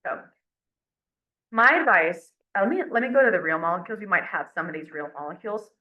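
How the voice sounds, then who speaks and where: A woman teaches chemistry, walking students through each step and counting aloud as she works at the board. Her voice sits a little low for a woman. The recording is dull and lo-fi, with the ring of a roomy classroom. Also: lively intonation, fast. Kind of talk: classroom lecture.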